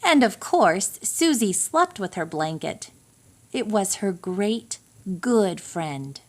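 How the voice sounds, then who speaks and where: A woman reads a children's picture book aloud to young listeners, her storytelling expressive and deliberate. Her voice sits at a medium pitch.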